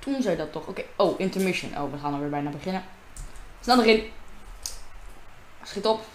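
A woman's voice: fairly low pitch, lively intonation, brisk. Female gamer, casual running commentary into a desk mic; echoey home room with faint noise. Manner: chatty, talks to herself and viewers while playing. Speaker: gamer narrating her own gameplay. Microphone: desk microphone.

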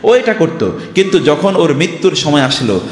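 A man's voice: on the high side, big pitch swings, normal speed. An older man from Bangladesh giving a Friday sermon, emphatic, full of rhetorical questions and storytelling. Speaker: preacher. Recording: echoey hall reverb.

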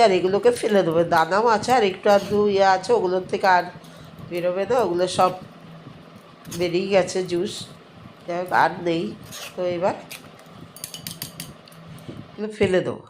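Stuffy-nosed woman, lowish voice, noisy kitchen. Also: steady tone, normal speed, long pauses. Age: middle-aged or older. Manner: chatty, homely step-by-step explaining. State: congested with a cold, blocked stuffy nose and throat, speaking with effort. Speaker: home cooking vlogger. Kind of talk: casual recipe narration to viewers. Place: at home while preparing drinks. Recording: noisy kitchen with clinking dishes.

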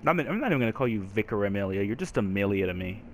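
A man's voice: on the low side, sing-song, racing, background noise. A man giving casual, rambling, profane commentary while playing a video game. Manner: rambling, profane, yells at the boss. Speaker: gaming let's-player.

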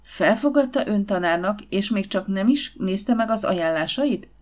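A woman voicing a spirited, quick-tempered young Victorian lady in an audiobook, speaking with raised, indignant emphasis. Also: medium pitch, expressive, a little mellow, lightly acted. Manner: indignant, exclaiming.

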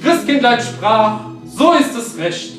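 A man playing a kindly old Santa Claus, reciting a Christmas poem and sending a gentle greeting in a slow, solemn storytelling manner. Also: very high voice, big pitch swings, heavily acted. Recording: very echoey, distant mic, music behind.

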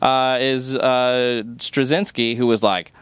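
A man co-hosting a casual comic book chat, halting and full of fillers and restarts. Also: medium pitch, flat delivery, a bit bright, clear, resonant tone, no echo. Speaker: co-host.

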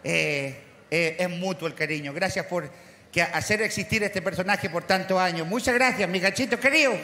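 A man's voice: high-pitched, moderate pace, pushed and bright, slight background noise. A male Chilean comedian doing stand-up as a rural cowboy character, with earthy crude slang and punchy delivery, on an outdoor festival stage. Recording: echoey festival sound with faint ambience.

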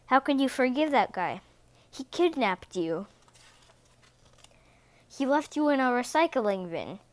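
A grumpy, bitter cat father from a storybook who scolds his kid in a sour way, as a woman reads him. He talks slowly with a fairly high voice. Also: big pitch swings, no echo.

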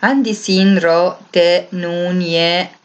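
Egyptian female teacher, lower voice, patient and repetitive, muffled lo-fi sound. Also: steady tone, normal speed. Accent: Egyptian Arabic. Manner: patient and repetitive, reads each instruction aloud, then explains it. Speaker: primary school Arabic teacher. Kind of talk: recorded classroom lesson explanation.

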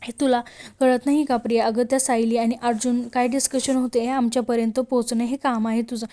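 A woman narrates a TV serial episode in a steady storytelling voice-over. She reads each character's lines without changing voice, with a fairly high, mellow tone. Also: fairly quick. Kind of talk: voice-over episode recap, retelling dialogue.

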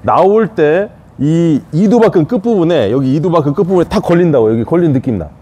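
Demonstrating a jiu-jitsu escape on a partner, this man gives short cues over and over. His voice sits on the high side, animated and brisk, warm with a breathy edge.

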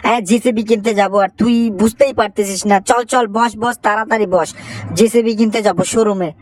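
A woman playing a loud, bossy young uncle in a fan game dub, calling others out. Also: a little high, fairly even intonation, fast talker, no room sound, lightly acted.

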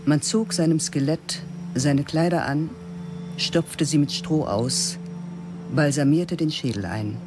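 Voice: mid-range voice, slow pace. Eine Erzählstimme trägt in ruhigem, literarischem Ton einen Hörspieltext vor. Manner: even, literary storytelling. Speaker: narrator. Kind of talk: scripted radio drama narration. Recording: narration over music.

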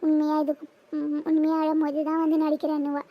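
A young village girl from a cartoon needles her brother in a high, fast voice, as a voice actor puts her on. Her delivery is quick and sharp-tongued. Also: monotone, dull audio. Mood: teasing. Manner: teasing, scolding her brother. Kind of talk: cartoon voice acting.

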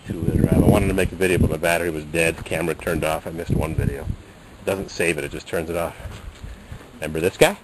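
A man's voice: sits low, background noise. A man narrating his work on a trailer and old cars outdoors, muttering short remarks into a handheld camera. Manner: offhand, mutters short remarks while working. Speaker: video host working on cars. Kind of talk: casual shop vlog narration.

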